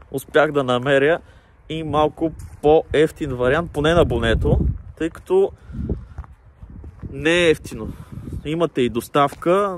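A young man talking through a face mask as he casually reviews gear, explaining things plainly with pauses and fillers. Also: a little high, a little hiss or hum.

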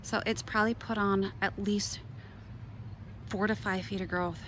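A gardening vlogger from Minnesota, United States, chats casually and off the cuff while touring her garden outdoors, drifting between exclamatory asides. Her medium-pitched voice is a bit bright, with fairly even intonation and an unhurried pace. The handheld outdoor recording is noisy, with clear ambient outdoor sound.

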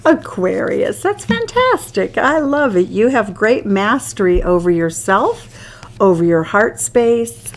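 A woman's voice: medium pitch, a little hiss or hum, low-quality recording. An Irish woman reading tarot cards to camera, enthusiastic and exclaiming over each card as she turns it. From Ireland. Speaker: tarot reader. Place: indoors at a card table. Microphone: hands only seen, overhead camera on table.

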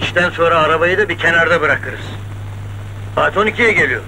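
An actor playing a cautious middle-aged crook in a 1970s film drama, instructing in a businesslike way. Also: male voice, fairly high pitch, animated, fairly quick, bright, forceful tone, exaggerated voice. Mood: cautioning. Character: cautious middle-aged male crook planning a safe robbery. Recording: noisy old film soundtrack.

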